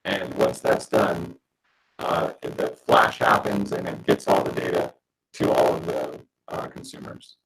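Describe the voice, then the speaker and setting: Man instructor, very low gravelly voice, halting casual explainer, noisy robotic-sounding call audio. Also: animated, a bit bright, distant mic. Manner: halting, restarts mid-sentence. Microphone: video call mic.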